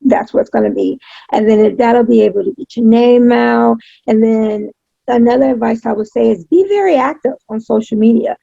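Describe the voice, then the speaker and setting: A woman chatting casually as an interview guest, speaking emphatically and repeating phrases for stress, with a gravelly, husky voice on dull, lo-fi audio. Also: on the high side, normal speed, mellow, no echo. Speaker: interview guest, pro wrestling announcer.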